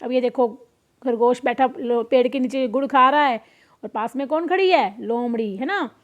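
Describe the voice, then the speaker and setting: A woman's voice: sits high, normal speed. A woman teacher reading a children's story aloud in Hindi class, explaining each part and asking the pupils questions. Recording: dull lo-fi recording.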